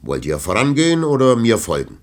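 A man's voice: sits low, big pitch swings, measured pace, voice pushed up, exaggerated voice. Man playing a stern, pious old nobleman. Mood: scornful. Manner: solemn, sermonizing.

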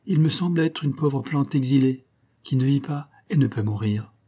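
A man's voice: medium pitch, moderate pace, dark tone, lightly acted. A man voicing a plaintive young princess. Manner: mannered, plaintive recitation. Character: young princess, delicate, coquettish and mournful.

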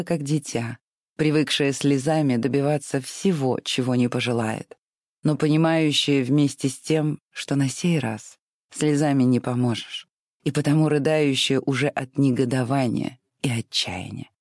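An audiobook narrator reading a novel in a measured, expressive way. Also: mid-range voice, no room sound, clean studio sound. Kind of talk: scripted narration.

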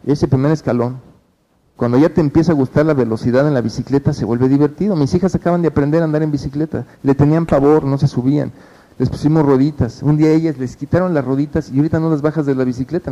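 A man with a Mexican accent leads a motivational business training in a slightly high, mellow voice. He is animated and tells stories, turning to his audience again and again to urge them on. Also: highs cut off. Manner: animated storytelling, addresses the audience directly and acts out phone calls.

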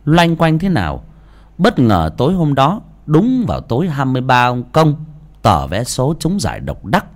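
A man narrating a dramatic audio story with sweeping, expressive delivery. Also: medium pitch, moderate pace.

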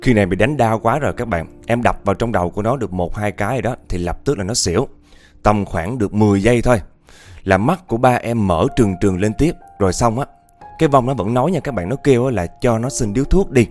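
Low-voiced ghost storyteller. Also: male voice, fast talker, darkish tone, soft background music. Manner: conversational, addresses listeners directly.

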